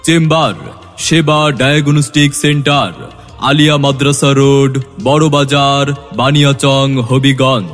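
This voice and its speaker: A male announcer giving a scripted promotional announcement over a PA loudspeaker, in a measured, declaiming delivery. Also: mid-range voice, level tone. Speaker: advertisement announcer. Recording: long reverb with music bed.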